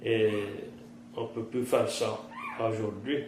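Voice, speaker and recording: Cajun French man, 50s, plain-spoken interviewee, slow pace, faint background noise. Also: lowish voice, level tone, echoey room. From southern Louisiana, United States. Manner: plain-spoken, rural vernacular. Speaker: interviewee, trapper and fisherman. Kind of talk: oral-history interview, recounting past life.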